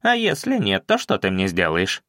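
Мужчина озвучивает упрямую старую деревенскую женщину, которая насмешливо и с вызовом спорит с вождём и знахарем. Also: male voice, mid-range voice, huge pitch swings, moderate pace, vocal fry, fairly bright tone, no echo, studio quality, exaggerated voice. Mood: defiant. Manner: mocking, defiant. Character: stubborn defiant old village woman.

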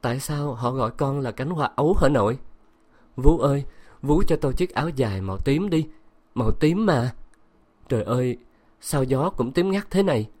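A man's voice: medium pitch, lively intonation, moderate pace, a little mellow, pitched above the performer's own voice, lightly acted. A man voicing a delirious, feverish young woman who drifts in dreamy, wandering speech.

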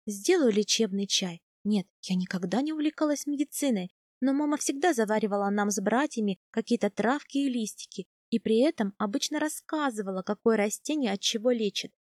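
A woman narrating a first-person audiobook in a calm, even storytelling manner. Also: a little high, a little fast, hardly any pauses, no room sound, clean studio sound.

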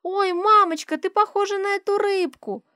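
A woman voicing a cheeky, excitable little girl with a squeaky, shrill voice in an audiobook. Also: moderate pace, no echo, clean studio sound. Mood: excited squeal.

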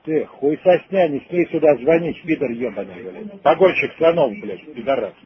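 An older man in an angry phone argument, cursing and threatening like a street thug in a rough voice. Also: a little high, expressive, moderate pace, slight background noise. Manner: belligerent, foul-mouthed, threatening street-thug abuse. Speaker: prank call victim. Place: phone call. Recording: tinny phone-line call.

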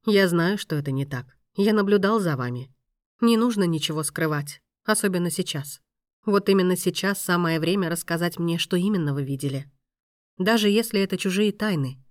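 Woman doing a stern, composed maestro, low and firm, dry audiobook read. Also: normal speed, no echo, natural voice. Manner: calm, firm, lowered voice.

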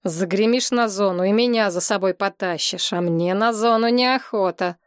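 A woman voicing a surly, bossy young male thug in an audiobook, speaking curtly and gruffly. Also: mid-range voice, normal speed, dry recording, studio quality, lightly acted. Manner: gruff, curt commands.

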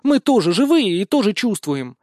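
Man voicing a scolding cat goddess, high-pitched. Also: sing-song, normal speed, a little mellow, no echo, clean studio sound. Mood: indignant. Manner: scolding, indignant, fretful. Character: irritable young female cat goddess spirit. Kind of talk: audiobook character reading.

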